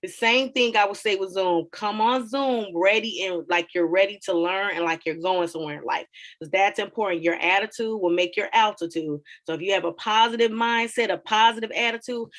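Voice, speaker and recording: A woman's voice: mid-range voice, fairly bright tone. A woman guest speaker giving children an encouraging motivational talk on a video call, with preacher-like repetition.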